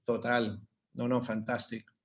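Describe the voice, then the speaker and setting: A man's voice: mid-range voice, flat delivery, measured pace. A man from the advertising industry in a panel discussion, talking hesitantly and slipping English words into his speech. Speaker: advertising producer.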